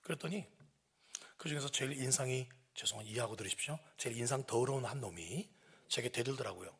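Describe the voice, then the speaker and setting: Husky man preaching a lively story sermon. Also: mid-range voice, quick pace. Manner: animated, acts out shouted quotes. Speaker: pastor. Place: church sanctuary.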